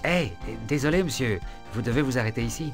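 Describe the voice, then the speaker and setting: A man's voice: mid-range voice, expressive, fast, lightly acted. A man playing a polite but firm male pool lifeguard in an amateur fan film. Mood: politely firm. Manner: politely firm, formal address. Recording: film soundtrack with music under the voice.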